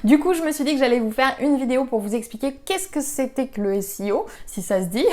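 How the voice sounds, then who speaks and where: Young woman, fairly high voice, casual chatty lesson, lots of fillers, trainer explaining basics. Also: darkish tone. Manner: chatty, many fillers like "du coup" and "bah". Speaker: online marketing trainer.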